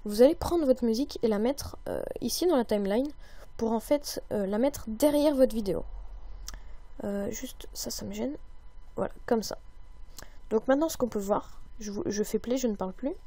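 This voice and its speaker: Chatty woman with a mellow voice. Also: on the high side, moderate pace, no room sound. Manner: chatty, many fillers, upbeat. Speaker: tutorial maker. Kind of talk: screen-recorded software tutorial.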